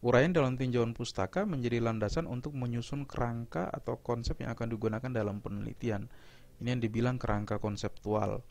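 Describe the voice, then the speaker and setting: A middle-aged man, a university lecturer, explaining step by step in a measured recorded lecture, with small fillers and restarts. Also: medium pitch, vocal fry, darkish tone.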